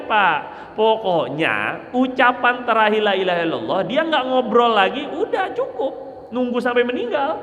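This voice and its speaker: Male preacher, lively animated delivery, fairly high voice, reverberant mosque hall. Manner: lively, conversational teaching with acted-out examples. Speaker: religious teacher. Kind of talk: mosque study lecture.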